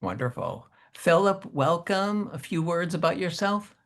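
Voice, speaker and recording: A male host with a gravelly, fry-edged voice leads an interview by video call. He speaks in a formal, measured way and welcomes each guest politely. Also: on the high side, lively intonation, fairly bright tone.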